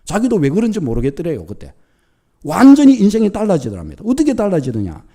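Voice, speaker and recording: A middle-aged man preaching a sermon as pastor, telling a story with lively acted-out quotes. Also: sits high, fast talker. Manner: animated storytelling, acting out quoted thoughts.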